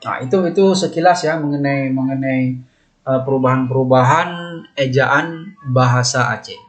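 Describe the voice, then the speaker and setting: A man teaching a recorded lesson, patiently explaining and repeating each term slowly while pointing at marks on a slide. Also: mid-range voice. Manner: patient, explanatory, with many fillers.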